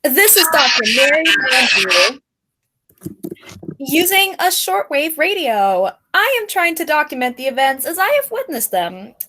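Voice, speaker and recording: A woman's voice: high voice, very animated, a little slow, sharp tone, slight background noise, full character voice, rough recording. A woman playing a flustered doctor in a radio play, hesitant, awkward and stammering. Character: flustered, halting woman doctor broadcasting by shortwave.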